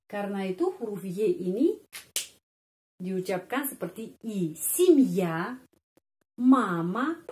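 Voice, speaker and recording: A woman with a Russian accent teaching a language lesson, repeating words slowly and ending phrases with a questioning "ya". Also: a little high, darkish tone. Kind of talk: slow explanatory language lesson. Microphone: speaking to a whiteboard lesson video.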